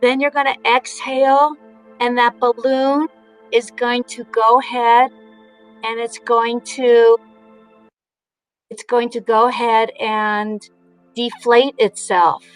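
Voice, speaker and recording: A woman teaching mindfulness and guided breathing in an informal, instructional way, leaving pauses between her phrases. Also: a little high, flat delivery, clean tone, soft background music, low-quality recording. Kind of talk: guided breathing meditation and informal spiritual talk.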